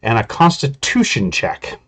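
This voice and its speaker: A man's voice: mid-range voice, very animated, unhurried, a bit bright, breathy edge. A man casually narrating a tabletop game as game master, in an informal way.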